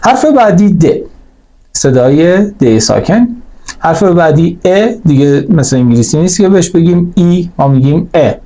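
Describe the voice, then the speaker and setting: A man who speaks Persian natively, teaching a spoken language lesson, explaining each letter and saying it slowly again, with frequent fillers. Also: a little high, lively intonation, dark tone. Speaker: German teacher.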